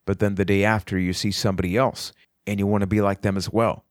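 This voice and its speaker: A man's voice: fairly low pitch, flat delivery, fast talker, dry recording, studio quality. A man hosting a solo podcast, talking earnestly and motivationally straight to his listeners. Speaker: podcast host. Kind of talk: reflective solo podcast talk.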